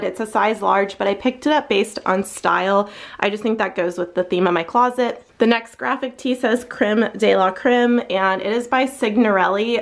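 A woman in her thirties chatting casually through a thrift haul vlog, upbeat, with frequent fillers. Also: medium pitch. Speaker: thrift reseller vlogger. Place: small home storage room with shelves.

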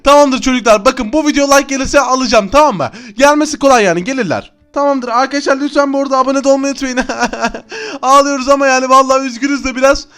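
A young man giving excitable, chatty let's-play commentary as a gaming YouTuber, yelling often. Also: extremely high pitch, fast, faint music behind.

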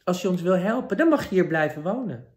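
Storybook dwarf, small excited miner, high and quick, voiced by a man. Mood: kindly. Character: excited little male dwarf, a cheerful miner. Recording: roomy echo.

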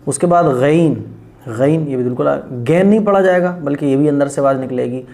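A man teaching Quran pronunciation, patiently stretching out letter sounds and often asking whether it is clear. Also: on the high side, mellow. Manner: slow, drawn-out demonstration of letter sounds; patient, repeats each sound and asks if it is clear. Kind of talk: pronunciation lesson.

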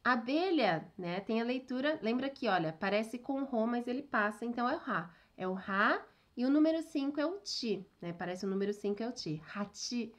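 A woman with a fairly high, very lively voice gives a relaxed online Japanese lesson. She chats along, keeps checking that her students follow, and laughs easily at her own slips. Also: fairly quick. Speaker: Japanese teacher.

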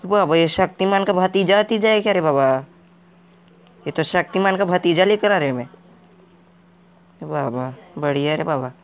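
Sitting high in pitch, a man voices a gaming video character: a clueless, excitable, uneducated wanderer who talks his way through a game. He sounds baffled and jittery, jumpy and naive, and nearly every line trails off into a drawn-out "re baba" in this comic in-character commentary.

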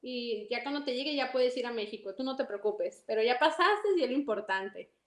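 A young woman with a Mexican accent tells her story animatedly and acts out each exchange with a high, bright voice. Her voice rings in an echoey room. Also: brisk. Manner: animated, acts out dialogue, laughs often. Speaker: interview guest. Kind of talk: casual storytelling.

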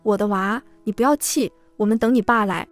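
A woman voicing a frightened, confused mother with a mental illness in a story reading, speaking in a timid, slow, tender way. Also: mid-range voice, soft background music, natural voice.

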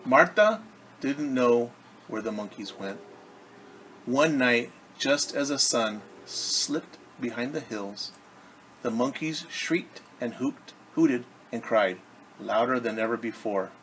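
A middle-aged man with a mid-range, slightly bright voice reads a story aloud to children like a teacher, slowly and expressively, pausing for asides that explain words simply. He's in a home living room at arm's length from the camera. The recording is low quality, with clear background room noise.

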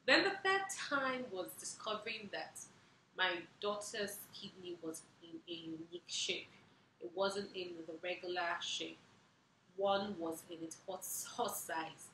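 Brief: young woman vlogger, bright voice pitched a bit low, chatty and expressive, roomy echo. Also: a little hiss or hum. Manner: chatty and expressive, recounting with emotion and laughter. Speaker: vlog host. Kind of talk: casual personal vlog storytelling. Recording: roomy echoey room.

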